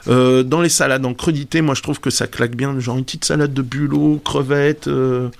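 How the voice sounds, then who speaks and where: A man's voice: mid-range voice, fairly even intonation, normal speed, gravelly. A man presenting a segment on a radio show, explaining things casually and hesitantly, with many fillers.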